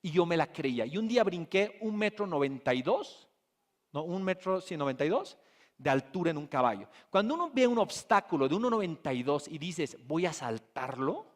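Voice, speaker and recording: A man's voice: sits high, brisk. A man from Bolivia giving a motivational keynote talk at a business conference, telling stories and putting rhetorical questions to the audience. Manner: lively storytelling, addressing the audience with rhetorical questions. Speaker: conference speaker. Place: conference hall.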